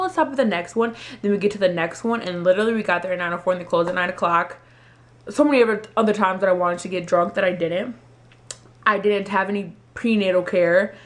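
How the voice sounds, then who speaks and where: A young woman vlogger casually telling a personal story, animated and acting out quotes in a higher voice.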